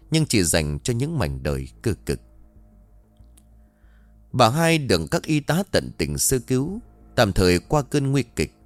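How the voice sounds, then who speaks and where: A male storyteller narrates dramatically, his pitch rising and dipping with every turn. His voice sits at a middle pitch, recorded dry and close with faint music underneath. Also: no room sound. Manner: dramatic, expressive.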